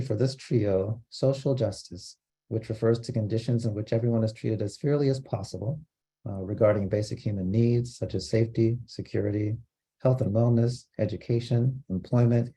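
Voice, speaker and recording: Man, from Costa Rica, training lecture, measured, explanatory, husky, dark tone. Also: lowish voice. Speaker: diversity trainer.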